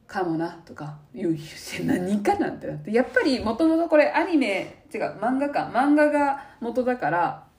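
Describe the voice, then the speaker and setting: Lively young woman with a Kansai accent. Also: fairly high pitch, normal speed, few pauses. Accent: Kansai Japanese. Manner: animated storytelling, acting out quoted lines. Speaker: podcast co-host. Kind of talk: casual chat.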